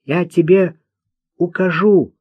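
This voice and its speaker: In an audiobook, a man pushes his slow, steady, slightly rough voice high above his own, exaggerating it to play a simple-minded, vengeful young man. The character sounds resentful, childish, blunt, and hate-filled, and the recording is dull, dry, lo-fi, with no room sound.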